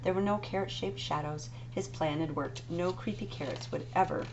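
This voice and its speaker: In a fairly low voice at a moderate pace, a woman librarian dramatically reads a picture book, whispering through the eerie passages. The sound is muffled, lo-fi and noisy.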